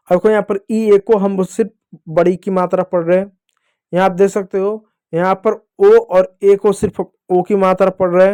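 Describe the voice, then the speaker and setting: High-voiced man teaching phonics. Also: mellow, clear, resonant tone, no room sound. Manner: patient, repeats questions and answers them himself. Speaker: English teacher. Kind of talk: classroom-style phonics lesson.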